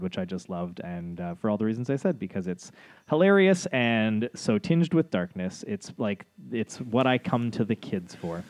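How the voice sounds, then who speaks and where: A man's voice: lowish voice, a little mellow, no room sound. A man co-hosting a casual group podcast, rambling with many fillers. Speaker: podcast co-host.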